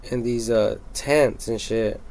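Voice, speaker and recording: A man doing a screen-recorded commentary, profane and rambling, halting often with fillers. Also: mid-range voice, steady tone, darkish tone. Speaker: vlogger.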